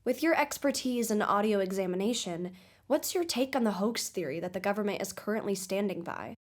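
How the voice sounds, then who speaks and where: A woman plays a composed investigative podcast host, narrating and asking questions as in a scripted audio documentary. Her middle-pitched delivery is formal and measured yet animated, close to an everyday voice. She sounds inquisitive and courteous.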